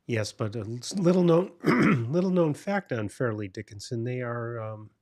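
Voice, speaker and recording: A man's voice: medium pitch, expressive, moderate pace, darkish tone. A man co-hosting a casual podcast, chatty and offering offhand trivia asides.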